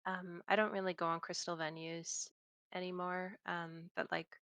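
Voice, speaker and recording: A woman's voice: lowish voice, little pitch movement, normal speed, a bit bright, clear, resonant tone, no echo. A woman talking as a guest on a podcast about game venue greeting, hesitant and full of fillers. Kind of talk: casual podcast chat.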